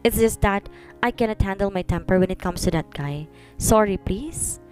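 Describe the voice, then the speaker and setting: A woman voicing a doting, hot-tempered young male CEO who mixes in English and soft endearments, with faint music behind. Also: medium pitch, normal speed, natural voice.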